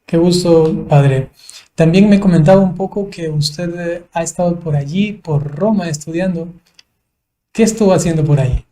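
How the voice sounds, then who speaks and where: A man, a priest, hosting a livestreamed conversation, speaking in a measured way with frequent fillers. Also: on the high side, warm tone. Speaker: priest, host.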